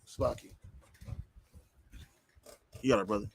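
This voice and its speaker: A man's voice: lowish voice, fairly even intonation, slow, gravelly, slight background noise. A man speaking with preachy conviction in a religious discussion, often repeating words as he starts phrases.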